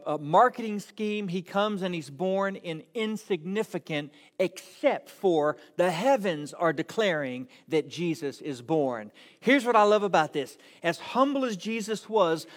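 A male pastor preaching a sermon with passion, swinging between loud emphasis and hushed lines. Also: sits high, long reverb tail. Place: church sanctuary.

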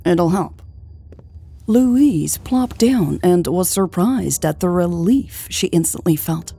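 A woman narrating an audiobook in a measured, steady reading at a close microphone. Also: lowish voice, breathy edge.

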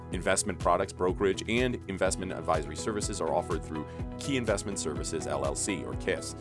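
Male announcer, very deep, formal scripted disclaimer read over a clear music bed. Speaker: announcer reading legal disclaimer.

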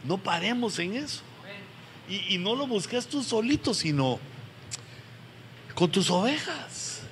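A middle-aged man preaching to pastors, earnest and pleading, with sudden loud emphatic rises. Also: high voice, sing-song, takes it slowly. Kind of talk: sermon to pastors. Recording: long hall reverb, faint background noise.

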